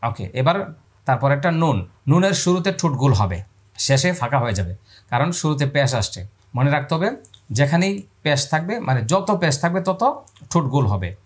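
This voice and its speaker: A fairly high-pitched, slightly rough male voice at normal speed leads a step-by-step Quran pronunciation lesson. The man explains calmly, then stretches each letter sound into long calls, asking questions and answering them himself for the viewer.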